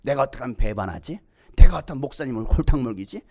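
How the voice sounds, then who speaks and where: A scheming man's inner voice plots betrayal in a low, sly mutter, put on by a preacher. It sits far beneath his usual bright, high register and sounds sneaky and calculating. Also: lively intonation, rapid-fire.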